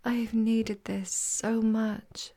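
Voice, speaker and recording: A young woman speaks in a soft, sighing half-whisper, very close to the microphone. Her voice sits a little high and is airy and breathy. She draws every phrase out unhurriedly. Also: little pitch movement, drawn-out words. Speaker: audio roleplay performer. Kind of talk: intimate whispered roleplay monologue.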